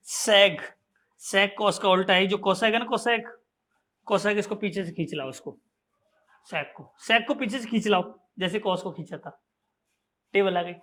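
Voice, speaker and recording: Man, high voice, teacher, repetitive drilling, classroom math lesson. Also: a little slow, long pauses, pushed and bright. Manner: repetitive, drilling, addresses students as bhaiya and sahab.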